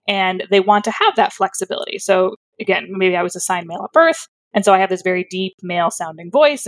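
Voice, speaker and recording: With a voice on the low side and no echo in the recording, a woman who works as a speech therapist explains her job conversationally. She is articulate and thoughtful but leans on fillers and self-corrections.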